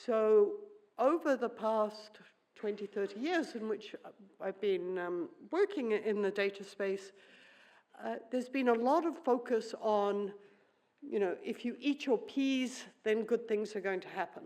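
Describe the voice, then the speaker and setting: Her voice sits slightly high and sounds expressive and a bit mellow, moving at a slightly slow pace. This middle-aged keynote speaker, raised in New Zealand with Swedish as her mother tongue, addresses a conference wryly and conversationally, musing aloud amid many fillers.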